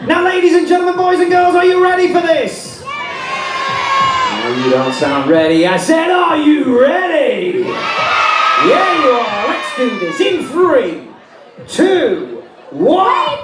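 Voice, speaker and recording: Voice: very high voice, sing-song, takes it slowly, echoey room, distant mic, loud music behind the voice, poor audio. An overbright kids' party host hyping up a crowd as presenter of a live family magic show. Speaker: stage show presenter and comic sidekick.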